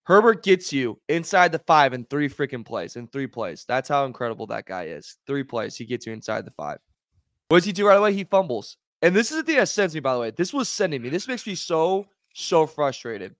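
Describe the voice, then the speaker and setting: A man's voice: a little high, very animated, a little fast, no room sound, studio quality. Fired-up man ranting in big swings. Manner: angry, swings loud and quiet, sarcastic. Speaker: podcast co-host. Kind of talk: heated sports podcast rant.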